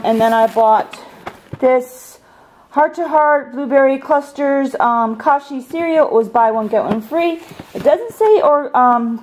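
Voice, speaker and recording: A married adult woman at home shows her groceries at a table to a handheld camera, chatting casually and rambling with many ums about her haul. Her voice is a little high and a little mellow, the low-quality recording carrying slight background noise.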